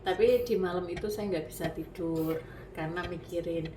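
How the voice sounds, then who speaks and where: A woman's voice: lowish voice, fairly even intonation, normal speed, mellow, slight background noise. A woman earnestly telling a personal story in a casual way. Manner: emotional, earnest. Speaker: wife telling her story. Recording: roomy, somewhat distant mic.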